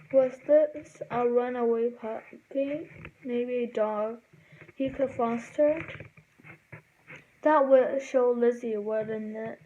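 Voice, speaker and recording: A woman reading a children's book aloud, slowly and haltingly, sometimes stumbling over words and correcting herself. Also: a little high, dark tone, highs cut off, slight background noise. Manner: slow, halting read-aloud with self-corrections. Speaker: reader.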